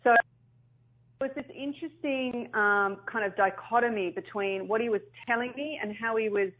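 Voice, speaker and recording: A woman's voice: fairly high pitch, moderate pace, a bit bright. A middle-aged woman, a business founder telling her story in an interview. She talks animatedly, often restarts and repeats herself, and acts out the quotes. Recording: slightly dull lo-fi sound.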